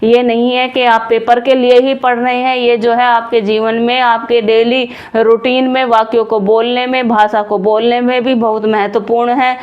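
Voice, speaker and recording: A woman's voice: fairly high pitch, level tone, normal speed, hardly any pauses, lo-fi sound. A young adult woman teaching a grammar lesson, explaining step by step, often rephrasing and answering her own questions. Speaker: Hindi teacher. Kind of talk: classroom-style grammar lesson.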